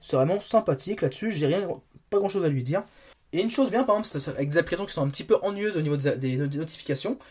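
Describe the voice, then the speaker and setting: A young man rattles through a casual phone review at a rapid clip. His voice sits a bit high, and he rambles and corrects himself as he shows features on screen. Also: animated, darkish tone, slightly rough. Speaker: tech reviewer. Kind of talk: casual spoken product review.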